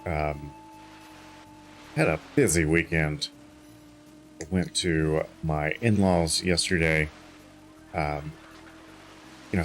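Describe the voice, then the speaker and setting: Tired, rambling deep-voiced man. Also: a bit bright. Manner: rambling, chatty, many fillers and restarts. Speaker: streamer. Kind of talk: casual chat while gaming.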